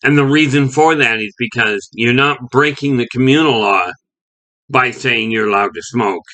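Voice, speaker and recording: A man's voice: medium pitch, moderate pace, bright, forceful tone, poor audio. A man from Canada giving a rambling opinion monologue as a video host, often restarting and saying "okay".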